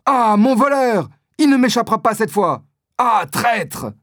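A man reading a storybook and voicing an eager young male swordsman who blurts out his lines in a high, breathless rush. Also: big pitch swings, moderate pace, darkish tone, no echo, clean studio sound, exaggerated voice. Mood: excited. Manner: breathless, impulsive.

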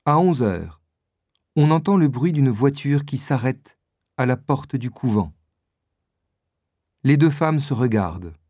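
A calm storybook narrator who reads slowly and evenly. The tone is mellow and warm, recorded dry and close. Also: mid-range voice, no room sound. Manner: calm, measured. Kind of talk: storybook reading.

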